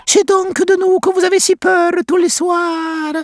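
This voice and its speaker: A chatty little frog. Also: female voice, very high-pitched, flat delivery, a little slow. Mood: soothing. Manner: teasing, ends lines with a questioning "hein". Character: small cheerful female frog, chatty and teasing. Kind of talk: storybook acting over music.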